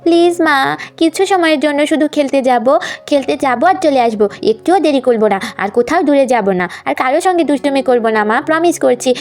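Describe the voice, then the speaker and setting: A woman's voice: high voice, lively intonation, fast talker, a little mellow. A woman voicing mischievous little twin schoolgirls who plead and whine in a puppet story. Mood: whiny. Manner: pleading, whiny, stammering.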